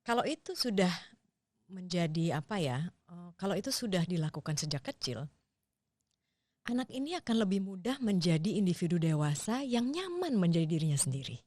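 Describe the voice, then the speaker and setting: Brief: woman podcast guest, lowish voice, dry close recording, thoughtful and explanatory. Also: sing-song, moderate pace, darkish tone, no room sound. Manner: thoughtful, explains ideas step by step with examples. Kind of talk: explanatory casual conversation.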